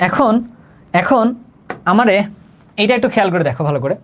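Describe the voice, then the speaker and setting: Fast-talking male chemistry teacher. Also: high-pitched, expressive. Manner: conversational, repeats phrases, checks understanding often. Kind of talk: online lecture.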